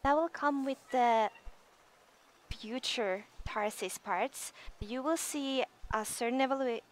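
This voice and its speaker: A woman's voice: on the high side, slow pace. A woman game developer chatting on a live stream in an upbeat, enthusiastic way.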